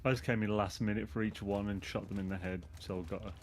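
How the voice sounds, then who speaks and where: A man's voice: on the low side, little pitch movement, fast, darkish tone. A man playing a video game with a friend, making laid-back, wry remarks. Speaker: co-op gaming partner. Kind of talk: casual gameplay chat.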